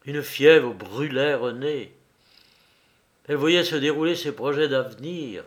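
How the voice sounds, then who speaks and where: A man reading a novel aloud as narrator, in measured, unhurried storytelling. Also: medium pitch.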